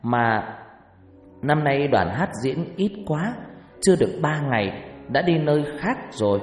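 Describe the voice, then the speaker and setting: Gruff caring country mom , put on by a male narrator, lively pitch, roomy echo. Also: unhurried. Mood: gentle, tired. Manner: blunt, weary scolding. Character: rural mother, middle-aged woman, gruff but caring. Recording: echoey room with faint music.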